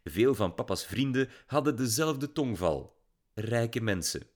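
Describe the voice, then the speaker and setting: Male audiobook narrator, lively intonation, mid pitch. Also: measured pace. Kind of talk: scripted narration.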